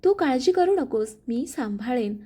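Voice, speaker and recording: A woman voicing a gentle, patient young bride in a spoken family story, soft and meek. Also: high voice, expressive, normal speed, breathy edge.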